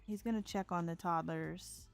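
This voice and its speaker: A woman's voice: on the low side, fairly even intonation, normal speed, vocal fry, faint music behind. A young woman, chatting casually while she plays a life-simulation game and laughs often. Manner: chatty, laughs often, voices characters in asides. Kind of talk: casual let's-play commentary.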